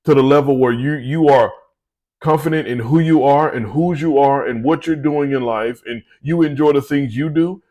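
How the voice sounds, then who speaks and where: A man's voice: mid-range voice, moderate pace, warm tone. A man giving a conversational Bible teaching, slangy and rambling, speaking to his viewers. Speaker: faith speaker.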